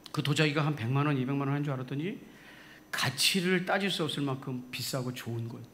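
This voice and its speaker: A man pastor preaching a sermon, telling a story in an animated way and laughing along. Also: medium pitch, quick pace, slight background noise. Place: church sanctuary.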